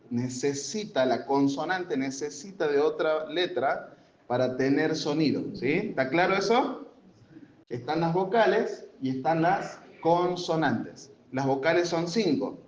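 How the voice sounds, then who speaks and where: A man leads a classroom grammar lesson in a church classroom, speaking slowly and patiently. He walks through examples and keeps checking whether the class follows. The recording is roomy and somewhat dull, with a faint hum of room noise. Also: medium pitch, a little mellow. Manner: keeps checking understanding with tag questions; patient, explains step by step with examples. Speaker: Sunday school teacher.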